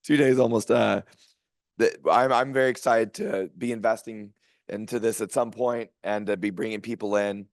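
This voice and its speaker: A hoarse, sleep-deprived man closing a conference as emcee, rambling and gratefully thanking the speakers and crew. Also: on the low side, fairly even intonation, normal speed, no echo, clean studio sound. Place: hotel conference room.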